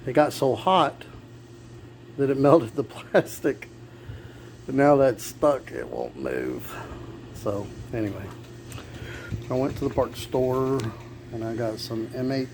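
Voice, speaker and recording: Mid-range and a little mellow, the vlogger's voice carries his casual, plain-spoken narration of a car repair as he thinks aloud. Background noise and the sounds of the vehicle are clearly present.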